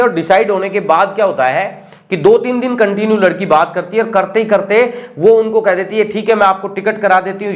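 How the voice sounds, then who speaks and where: A man hosting a video channel, talking casually and straight to his viewers as he explains how a scam works. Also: high-pitched. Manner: chatty, speaks straight to viewers. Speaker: YouTube channel host warning about scams.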